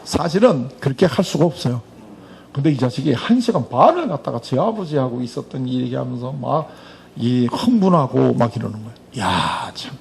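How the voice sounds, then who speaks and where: A man's voice: mid-range voice, normal speed, vocal fry, slight background noise. A middle-aged man telling a story in a church talk, acting out the dialogue as he goes. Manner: animated storyteller, acts out quoted dialogue. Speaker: speaker at a church Bible school.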